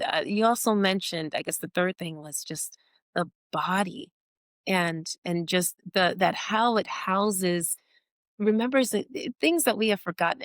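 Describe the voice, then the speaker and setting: A woman's voice: medium pitch, dry recording, studio quality. A woman hosting an interview, summarizing her guest's points and asking follow-up questions. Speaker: podcast host. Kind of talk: conversational interview.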